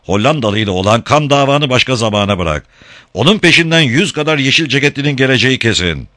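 A man voicing a big, gruff sailor who grumbles and protests in an audiobook. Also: mid-range voice, lively intonation, fast talker, sharp tone, no room sound, clean studio sound, pitched above the performer's own voice. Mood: urgent. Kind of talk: audiobook character voice.

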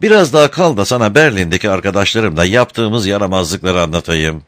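A man's voice: fairly low pitch, animated, brisk, a bit bright, no room sound. A man voicing a cruel, capricious aristocratic princess who speaks in an imperious, commanding way. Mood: teasing.

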